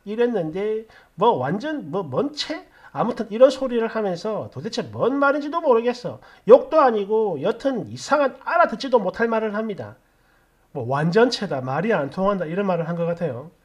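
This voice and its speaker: Expressive woman reading stories. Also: mid-range voice, fairly quick, husky, dull audio. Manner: expressive, swinging between indignant and weary. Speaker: story channel narrator. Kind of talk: dramatic reading of online posts and comments.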